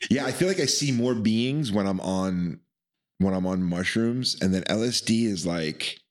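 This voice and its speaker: A man's voice: lowish voice, normal speed. A man telling a rambling story in casual chat, acting out quotes and laughing often.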